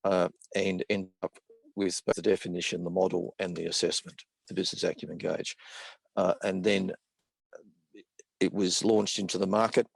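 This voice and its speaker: A man with an Australian accent speaking on a video call, slow and deliberate, pausing often with "uh" as he explains his work. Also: low-pitched, creaky, husky, dry recording. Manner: slow and deliberate, many "uh" pauses. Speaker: co-founder of a consulting firm, guest speaker. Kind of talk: measured presentation on video call.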